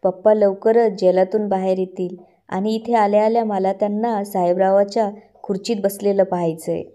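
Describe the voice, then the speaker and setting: A woman's voice: medium pitch, fairly even intonation, moderate pace, mellow, close to an everyday voice. A woman reading the lines of a gloating, scheming middle-aged mother from a TV serial in her own plain voice. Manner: read out in a plain narrating voice.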